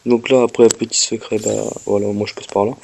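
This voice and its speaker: A man's voice: on the low side, little pitch movement, brisk, gravelly, noisy background. A man casually commenting on his game as he plays, explaining each step to viewers and talking to the game, a little ill. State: slightly ill, coughing. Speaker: gameplay commentator. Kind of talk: casual gameplay walkthrough commentary.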